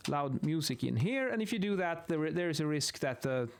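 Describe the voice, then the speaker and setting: Very animated and fairly high-pitched, this thirtysomething acoustics instructor and video host with a Swedish accent sketches as he explains things informally, halting and repeating words. He sits near a boom-arm studio mic in a small home office.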